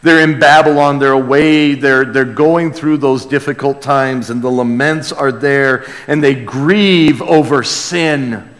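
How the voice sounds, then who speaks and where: Speaking slowly with few pauses, a man with a medium-pitched, slightly bright voice delivers a sermon as a pastor. His conversational Bible teaching uses call and response, and he's earnest and exclamatory, frequently repeating phrases for emphasis, all within the long reverb of a large hall.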